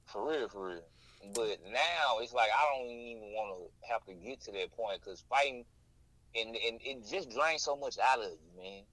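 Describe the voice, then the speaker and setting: A man's voice: mid-range voice, moderate pace, a bit bright, poor audio. A man chatting casually in heavy slang with lots of swearing and teasing. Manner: slangy, profane, playful teasing. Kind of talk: casual chat.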